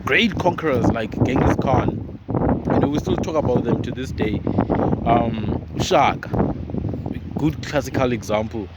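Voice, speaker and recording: A man's voice: medium pitch, unhurried. A man giving a casual motivational monologue, earnest and rambling, repeating words as he goes. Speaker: motivational vlogger. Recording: loud wind and boat noise outdoors.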